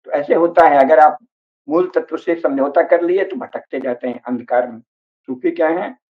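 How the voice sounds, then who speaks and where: A man's voice: a little high, normal speed. A man giving an emphatic, didactic religious discourse, listing names and checking in with his listeners. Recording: tinny phone-like audio.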